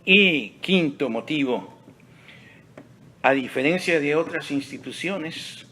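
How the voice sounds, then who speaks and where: A male pastor preaching a sermon in a church sanctuary, slow and deliberate, dropping to near-whispers and rising to emphatic peaks. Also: a little high, animated, pushed and bright, slight background noise. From Texas.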